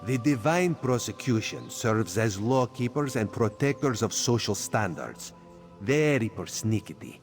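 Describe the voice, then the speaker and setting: Playing a spymaster quest giver in a video game, a man gives a cat-man spy a sly, playful, third-person way of talking while game music plays faintly. His mid-range voice is expressive, and he keeps a measured pace.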